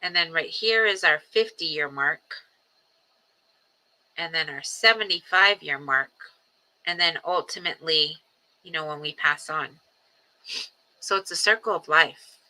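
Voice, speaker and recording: On a low-quality recording, a woman in her forties muses through a casual livestream, unhurried and pausing often as she doubles back with ums and restarts. Her somewhat low voice carries a vivid, edgy brightness, and she holds an earnest, steady tone even when grief comes up.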